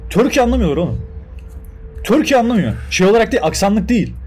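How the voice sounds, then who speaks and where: A man's voice: sits high, big pitch swings, fast, a little mellow, breathy edge. A young man chatting casually as a podcast co-host, swearing freely and acting out the voices in his stories. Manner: swearing, acts out quoted voices. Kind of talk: casual chat, storytelling.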